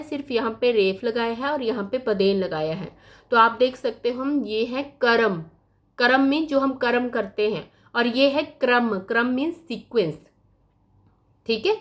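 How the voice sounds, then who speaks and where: Woman teacher going thru grammar real slow, kinda high voice, sounds out every letter. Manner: patient, spells out sounds one by one. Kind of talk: slow blackboard lesson.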